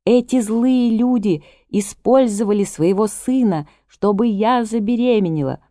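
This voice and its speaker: A woman voicing a desperate woman artist who shouts urgent warnings at a crowd, in a dry recording. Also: medium pitch, normal speed, no room sound, voice pushed up, natural voice. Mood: frantic.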